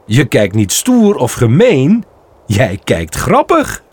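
Give me a man playing a bold, teasing young rabbit from a storybook, slightly husky. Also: mid-range voice, huge pitch swings, takes it slowly, a little mellow, full character voice. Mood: playful. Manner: playful and teasing. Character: cheeky young male rabbit, bold joker.

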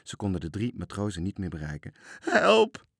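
Male storybook reader, lowish voice, calm, close and dry. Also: fast, slightly rough, dry recording. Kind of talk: reading a children's story aloud.

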